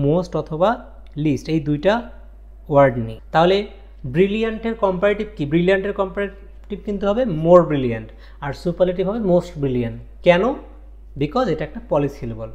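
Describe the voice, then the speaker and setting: A man's voice: sits high, darkish tone. A man teaching a grammar lesson, explaining step by step, repeating key points and often asking his students whether they follow. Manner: mixes English grammar terms into his talk. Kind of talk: classroom lesson.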